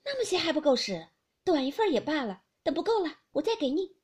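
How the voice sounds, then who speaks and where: A woman's voice: high voice, big pitch swings, darkish tone, voice pushed up. A woman reading as a glib shrewd noblewoman. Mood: sly. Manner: brisk, glib retorts. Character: quick-witted, shrewd young noblewoman.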